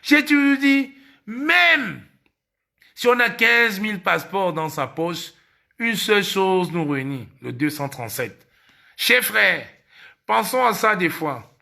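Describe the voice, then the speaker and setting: A man's voice: high voice, lively intonation, slow, creaky, bright, forceful tone. A man from Cameroon with a Cameroonian French accent, hosting a casual live stream and hammering his points home by repeating key phrases.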